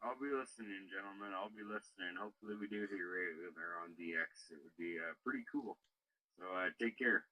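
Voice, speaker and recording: A man talking calmly and plainly as a CB radio operator, heard over a lo-fi shortwave radio transmission. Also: deep voice, a little fast. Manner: calm, plain-spoken radio talk. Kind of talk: casual on-air radio chat. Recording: muffled radio link audio.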